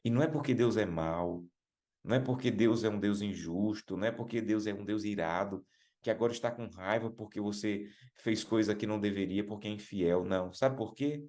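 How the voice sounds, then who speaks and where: A Brazilian man preaching a sermon, emphatic, repeating key words and calling listeners brothers, slowing to stress lines. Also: darkish tone. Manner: emphatic, rises in pitch and slows down for stressed phrases.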